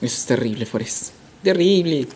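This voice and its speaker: A man's voice: mid-range voice, lively intonation, normal speed, a little hiss or hum. A man streaming a football game live, calling plays like a sports caster and repeating phrases in chant-like bursts. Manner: playful hype shouts.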